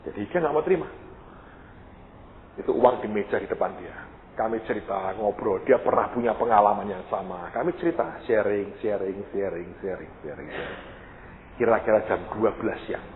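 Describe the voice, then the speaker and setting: A man preaches in a storytelling style, his lowish voice leaping up in pitch as he acts out the people in his tale. The sound is thin and phone-like, with a long hall echo and a faint hiss underneath. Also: normal speed. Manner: animated, acts out dialogue with sudden high-pitched outbursts. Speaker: pastor. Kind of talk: storytelling sermon. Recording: echoey hall, tinny lo-fi sound with faint noise.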